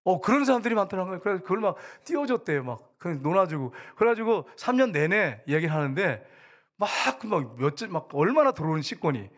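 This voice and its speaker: A middle-aged male pastor with a voice that sits a little high, preaching in a church. He tells stories in a loose, chatty way and drops into the voices of the people in them. The delivery rises and falls between loud appeals to the congregation and quiet storytelling. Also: sing-song, fast talker. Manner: conversational preaching, acting out quoted voices. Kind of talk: sermon. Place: church sanctuary.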